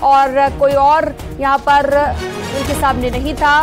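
A young woman anchoring a TV news bulletin in a studio, reading briskly and formally. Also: high-pitched, level tone. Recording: broadcast bed music underneath.

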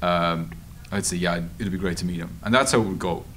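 Seated at a table mic in a meeting room, a low-pitched Irish man, a journalist and author, responds to interview questions at a public event in a hesitant, conversational, story-filled manner. Steady room noise runs underneath.

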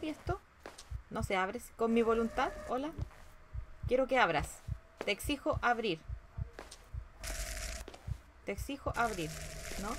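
Young woman, casual gameplay commentary, sassy, bit high voice, noisy recording. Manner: sassy, talks back to the game. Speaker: gameplay streamer.

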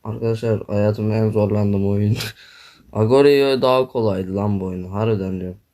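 A young man commenting on his own gameplay, groaning, swearing and complaining loudly as he plays. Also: fairly low pitch, steady tone, moderate pace. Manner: frustrated, swearing, groaning, yelping. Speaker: gaming YouTuber.

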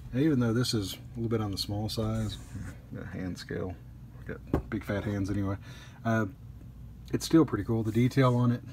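A man casually reviewing a collectible statue at a table indoors, easygoing, with frequent pauses. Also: lowish voice, steady tone, darkish tone, a little hiss or hum.

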